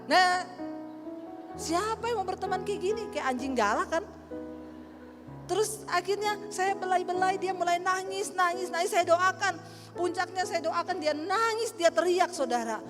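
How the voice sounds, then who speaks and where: High-voiced female pastor preaching. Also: moderate pace. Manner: lively, humorous, acts out dialogue. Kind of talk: sermon with storytelling. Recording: long reverb hall with music.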